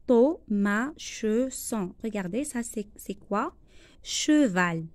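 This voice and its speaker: A woman teacher with a Moroccan accent, going slowly through a worksheet lesson, repeating each phrase and translating it into Arabic. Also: a little high, expressive, a little mellow, dry recording. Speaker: primary school teacher.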